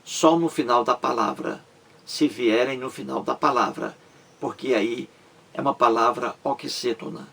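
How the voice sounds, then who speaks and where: A man teaching grammar, explaining slowly and repeating words and syllables as he checks that the listener follows. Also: mid-range voice, expressive, vocal fry, fairly bright tone, husky. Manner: slow and repetitive, stresses syllables, asks "entendeu?". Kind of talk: explanatory lesson.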